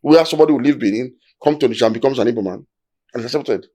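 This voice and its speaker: Speaking very fast in a dark-toned, mid-range voice, a Nigerian man with a Nigerian accent walks through history point by point. His delivery in the discussion is emphatic and lecturing.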